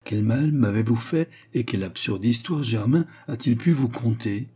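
A man voicing a composed former courtesan who speaks calmly and curtly, in an audiobook reading. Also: mid-range voice, normal speed, breathy edge, lightly acted. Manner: calm, clipped and level. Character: composed former courtesan woman, calm and curt.

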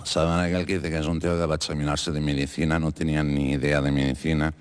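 A man's voice: very deep voice, flat delivery, fast talker, a little hiss or hum. A man with a Catalan accent telling jokes, acting out every part himself and mixing in Catalan words. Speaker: joke teller.

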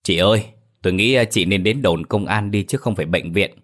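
A man's voice: fairly low pitch, a little fast, lightly acted. A man as an earnest young taxi driver. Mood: concerned. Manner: earnest, concerned, stammering when scared. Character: young male taxi driver, kind, later frightened.

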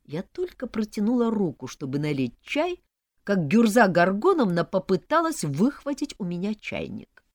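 A woman reading a humorous fantasy story aloud, with ironic, expressive storytelling. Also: medium pitch, normal speed, no room sound, studio quality. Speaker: audiobook narrator.

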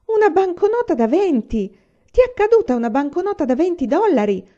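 A woman voicing an excitable young pioneer girl in a storybook reading, eager and quick to exclaim. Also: medium pitch, highs cut off, lightly acted. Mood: excited.

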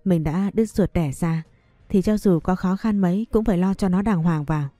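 A woman's voice: on the low side, normal speed, warm tone, no room sound, faint music behind, close to an everyday voice. A woman voicing a motherly older market vendor in an audio story, speaking with fussing affection. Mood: caring.

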